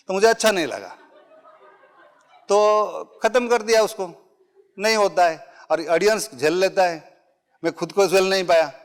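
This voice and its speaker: Leading a public speaking workshop in front of a live crowd, a middle-aged man keeps things conversational, with a voice on the high side. English phrases pop up throughout, and he explains ideas through everyday examples.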